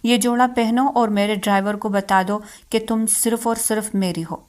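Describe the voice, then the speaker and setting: A woman voicing a cruel, vengeful rich man in a storybook reading, with bitter, commanding lines read in an even tone. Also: mid-range voice, close to an everyday voice. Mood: harsh.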